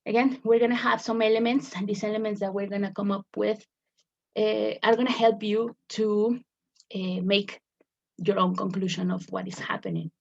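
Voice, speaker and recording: Gravelly, husky woman teaching a lesson. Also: medium pitch, steady tone, normal speed. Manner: explains step by step, repeats words while searching for phrasing. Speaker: English teacher. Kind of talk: recorded lesson explanation. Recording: dull lo-fi recording.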